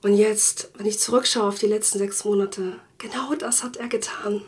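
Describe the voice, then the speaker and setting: On her faith podcast, the host, a woman from Germany, tells her own testimony earnestly, frequently slowing and fading into gentle whispers. She speaks in a mid-range voice with fairly even intonation.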